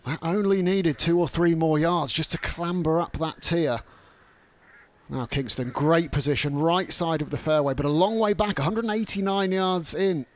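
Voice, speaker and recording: A man narrating golf highlights and commentating on the play as a sports broadcaster. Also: normal speed.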